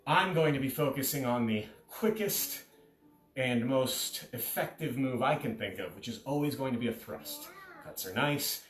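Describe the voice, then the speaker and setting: A man's voice: mid-range voice, expressive, normal speed. Man, informal fencing lesson, explanatory delivery, echoey room, distant microphone. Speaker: fencing instructor. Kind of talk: casual instructional demonstration. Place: carpeted living room. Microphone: camera several steps away.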